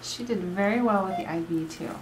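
A woman's voice: mid-range voice, brisk, recorded from a distance, crowd noise. A woman working as a clinic assistant, giving casual, practical instructions. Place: small clinic treatment room. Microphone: distant camera mic. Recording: echoey room, off-mic, busy background.

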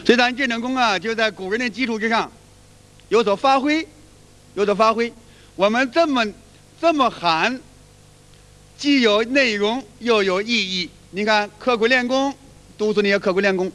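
This qigong teacher's voice is very high and sharp, paced moderately with frequent pauses. His casual lecture is folksy and repetitive, featuring chants he sings aloud, and the recording echoes with long, hall-like reverb.

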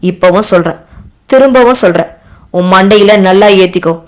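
A woman's voice: medium pitch, fairly quick, lightly acted. A woman voicing a young man who speaks harshly and scornfully. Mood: firm.

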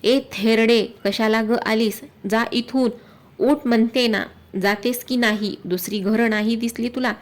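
A woman's voice: fairly high pitch, steady tone, a little slow, lightly acted. A woman doing a harsh, scornful queen. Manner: scolding, curt.

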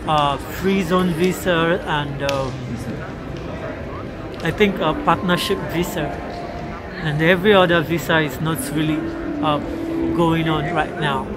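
Tired, slow-talking young woman vlogger. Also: fairly low pitch. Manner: hesitant, many ums and uhs. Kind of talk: casual vlog update. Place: large indoor hall. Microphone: phone at arm's length.

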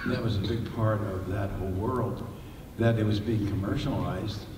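An older man answering audience questions on a panel, halting with many fillers and restarts. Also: fairly low pitch, steady tone. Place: large library hall with audience. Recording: echoey hall, distant mic, noisy.

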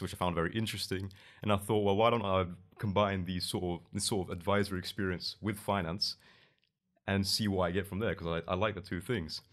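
A young man with a London accent and a low voice talks through his story as a podcast guest. He wanders, restarting words and leaning on fillers. He speaks into a boom mic in a small studio. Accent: London English. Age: young adult. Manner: loose, rambling with many restarts and fillers. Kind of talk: casual interview. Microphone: boom mic on arm.

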